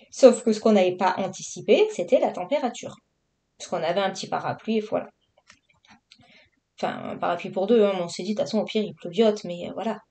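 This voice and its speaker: A woman's voice: medium pitch, a little fast, pauses often, warm tone. A woman from Marseille, chatting casually and rambling in her vlog with lots of fillers. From Marseille, southern France. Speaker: coloring vlogger. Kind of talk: casual chat.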